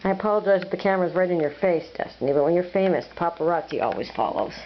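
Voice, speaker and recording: A woman's voice: on the low side, rapid-fire. A woman filming her pet budgie at home, talking to it in a playful, teasing, sing-song way. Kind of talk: cooing baby talk to a pet bird. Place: at home by a birdcage. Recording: dull lo-fi home video with faint hiss.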